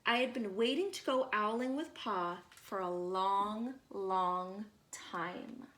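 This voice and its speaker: A woman reading a children's picture book aloud as a storyteller, expressive and measured, with deliberate pauses. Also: medium pitch, echoey room.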